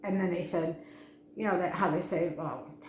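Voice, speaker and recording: A woman's voice: on the low side, steady tone, normal speed, a little mellow, a little hiss or hum. A middle-aged woman vlogging casually, anxious and rambling, restarting her sentences often. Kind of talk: casual personal vlog. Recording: echoey room with faint ambience.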